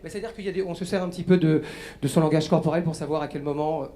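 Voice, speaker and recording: A man appears as a radio guest and stage mentalist, performing a live mind-reading demonstration, patiently guiding a volunteer and reciting letters one by one. His voice is a little high and warm, and he speaks in rapid-fire fashion.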